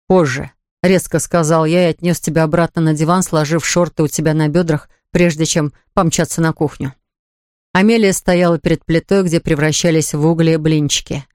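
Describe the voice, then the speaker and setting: A man's voice: a little high, fairly even intonation, brisk, a little mellow, smooth, dry recording, studio quality. A man narrating an audiobook in the first person, reading evenly and voicing dialogue plainly. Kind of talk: scripted narration.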